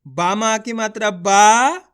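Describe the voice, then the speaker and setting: Slow, clear-voiced male reading teacher. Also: high voice, a bit bright. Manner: sounds out syllables one by one, then blends them into words; encouraging, repeats instructions to viewers. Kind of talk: beginner reading lesson.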